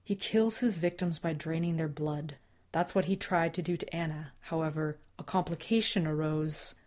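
Woman voicing a calm, deadpan male agent. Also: deep voice, close to an everyday voice. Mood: measured. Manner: measured, deadpan and careful. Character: calm, formal male agent, measured and serious.

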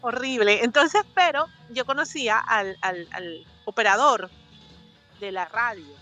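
A woman's voice: fairly high pitch, unhurried, faint music behind. A woman from Panama with a Panamanian Spanish accent, a podcast guest telling stories in casual chat and acting out voices. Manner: animated, acts out voices in her stories.

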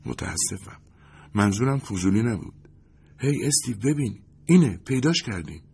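A man's voice: mid-range voice, expressive, gravelly, breathy edge, voice pushed up. A man voicing a chatty, curious young woman in a storybook reading, earnest and prodding. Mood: excited. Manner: earnest and prodding, softening to a whisper when sneaking.

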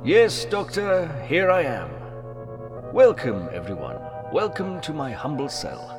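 A man's voice: fairly high pitch, huge pitch swings, a little slow, over music. A man playing an imprisoned villainous mastermind in an audio drama, mocking and elaborately courteous. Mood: mock-welcoming. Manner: theatrical, mock-courteous, elaborately formal.

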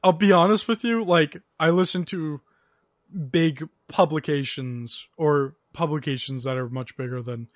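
A man's voice: a little high, measured pace, no echo, clean studio sound. A man co-hosting a casual gaming podcast, chipping in with teasing, wry remarks. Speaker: podcast co-host.

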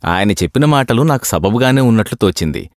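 A man reads a first-person tale aloud, his voice rising and falling with animation. The recording is dry with no room sound. His delivery is expressive and steady. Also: mid-range voice, fairly quick, no echo. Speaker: narrator. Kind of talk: storybook reading.

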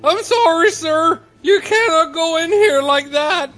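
A shrill, fussy desk clerk. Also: male voice, a little slow, fairly bright tone, faint music behind. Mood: prissy polite. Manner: shrill, prissy politeness. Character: flustered, fussy, polite male desk clerk.

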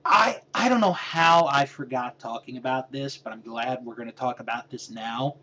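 A man co-hosting a podcast in a relaxed, casual chat, often restarting his sentences. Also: medium pitch, normal speed, slight background noise. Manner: relaxed, hesitant, trails off with restarts. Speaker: podcast co-host.

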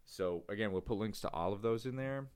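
A man's voice: on the low side, fairly quick, a little mellow, clean tone. A man co-hosting an education podcast, chatting casually and rambling a little, often restarting his sentences. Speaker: podcast co-host.

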